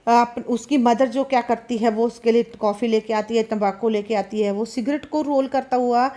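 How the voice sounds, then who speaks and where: A woman teacher, slowly reading a story aloud and explaining it line by line, with many fillers. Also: on the high side, fairly even intonation, warm tone. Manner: slow, halting reading with frequent fillers.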